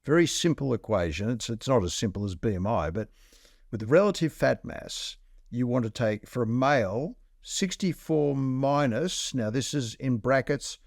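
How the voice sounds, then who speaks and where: A doctor co-hosts a casual health podcast, speaking bluntly and explaining numbers in plain terms. His mid-range voice is gravelly and animated at a normal speed, captured in clean studio sound with no room sound.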